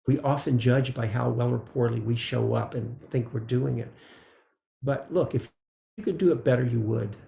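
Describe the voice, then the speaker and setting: Gravelly-voiced man giving a gentle dharma talk. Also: medium pitch, normal speed, roomy sound. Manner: gentle, conversational, frequent "right?" asides. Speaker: meditation teacher.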